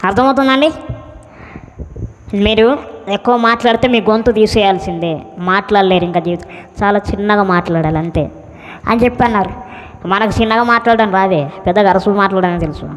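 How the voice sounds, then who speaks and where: A man's voice: sits high, brisk, long pauses, slight background noise. A male pastor telling his personal testimony as a sermon, earnestly acting out what others said to him. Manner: earnest storyteller who acts out the voices of others. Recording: long hall reverb.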